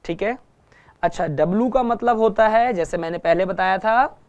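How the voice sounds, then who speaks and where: A man's voice: high voice, normal speed, muffled recording. A man teaching a guitar lesson, patiently repeating each point and checking that everyone follows. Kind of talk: online music lesson.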